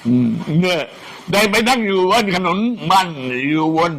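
Old man, elderly monk type: rambling, repetitive storyteller with swooping, higher-set pitch and faint background noise. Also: moderate pace, a crowd in the background, rough recording. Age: older. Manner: old man's rambling talk, often repeating words; animated. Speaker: senior Buddhist monk. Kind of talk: casual storytelling.

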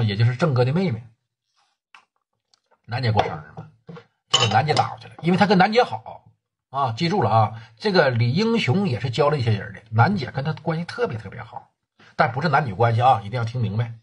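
A man's voice: mid-range voice, animated, fairly quick, background noise. A man telling a long gangland story for sleep, in colloquial and coarse speech with crude slang.

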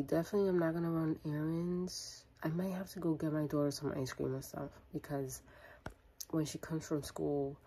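A woman's voice: low-pitched, dark tone, slightly rough. A woman in her thirties vlogging at home, rambling casually to her phone's front camera in a small room. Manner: rambling, chatty, thinking aloud. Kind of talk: casual vlog chat. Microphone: phone front camera close to the face.

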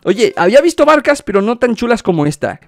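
A man's voice: extremely high pitch, big pitch swings, fast, vocal fry. A young man from hosting a reaction video, exclaiming, repeating words and laughing often. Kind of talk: excited reaction commentary.

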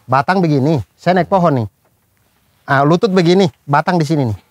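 A man's voice: on the high side, a little fast, dry recording. A man telling a childhood story in casual chat with friends, acting out the scene as he goes. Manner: animated storyteller, acts out scenes with gestures.

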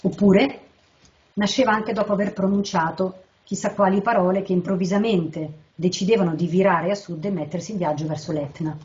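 A woman translator giving a measured literary lecture, reading short poems slowly and carefully between her explanations. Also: medium pitch, steady tone, a little mellow, dull audio. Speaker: translator presenting a poet.

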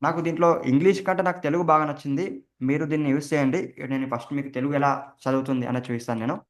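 Fast-talking male tutorial host. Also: on the high side, fairly even intonation. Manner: explains each keystroke as he goes. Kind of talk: step-by-step screen recording tutorial.

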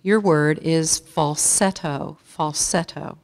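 A woman serving as a spelling bee pronouncer in a school auditorium, saying each word slowly and deliberately and reading out definitions. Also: deep voice, a little hiss or hum. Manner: slow, deliberate, repeats each word clearly.

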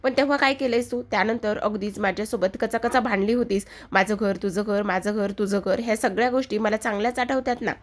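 A woman's voice: medium pitch, fairly even intonation, brisk, few pauses, lightly acted. A woman voicing a bold, quarrelsome young wife who teases and scolds her husband. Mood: teasing. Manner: scolding, argumentative.

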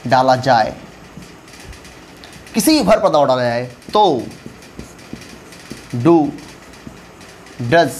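A man's voice: medium pitch, very animated, extremely slow, pauses often, slight background noise. A man lecturing as an English grammar teacher, mixing Hindi and English, stressing and repeating key terms as he drills his students.

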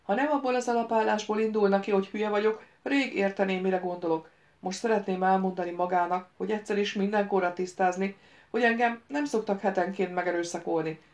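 Woman reading Tiria, a cool sharp-tongued bodyguard. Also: medium pitch, steady tone, lightly acted. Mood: cutting. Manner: cool, cutting.

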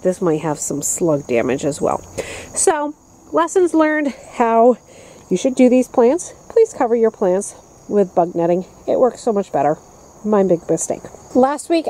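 A woman's voice: on the high side, mellow, low-quality recording. A woman in her thirties giving a casual, upbeat tour of her backyard vegetable garden, filmed with a handheld camera at arm's length. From upstate New York, US. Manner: chatty, upbeat, walking and pointing at plants. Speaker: gardening vlogger. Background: crickets and insects.

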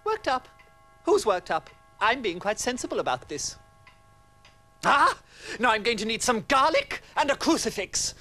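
A man's voice: very high-pitched, big pitch swings, normal speed, long pauses, pushed and bright, faint music behind, full character voice. A man voicing a fretful, pompous middle-aged cartoon neighbour. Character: nervous stuffy middle-aged neighbour, male.

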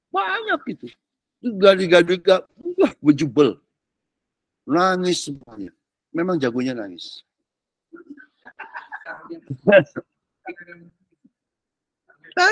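A man's voice: high voice, dry recording. A middle-aged man, a pastor teaching a discipleship class in a casual sermon, dropping English words into his talk. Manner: animated, mixes in English words and slang.

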